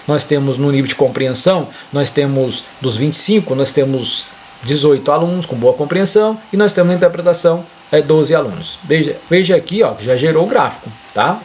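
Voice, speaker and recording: A man's voice: mid-range voice, a little hiss or hum. A man with a Brazilian Portuguese accent explaining a spreadsheet to teachers over a screen share, checking in often with short questions. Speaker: educator explaining a spreadsheet tool.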